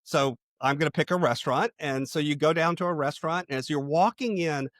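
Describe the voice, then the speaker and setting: Animated storytelling man, dry close sound. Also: a little high, brisk, dry recording. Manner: storytelling, animated voices for quoted people. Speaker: podcast host and calling coach. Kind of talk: conversational interview.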